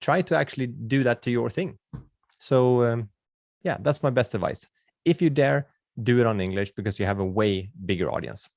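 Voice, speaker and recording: His medium-pitched voice, with vocal fry and a darkish tone, moves at a normal speed with no echo around it. He's from Sweden, speaks with a Swedish accent, and hosts a webinar, answering viewer questions casually and warmly while often restarting sentences and using filler words.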